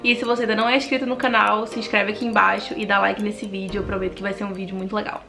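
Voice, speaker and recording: A woman's voice: medium pitch, rapid-fire, creaky, music in the background. A woman in her twenties from Manaus with a Brazilian accent, telling her life story in a talkative, friendly vlog. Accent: Brazilian Portuguese from Manaus. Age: 20s. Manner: talkative and animated. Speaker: vlogger.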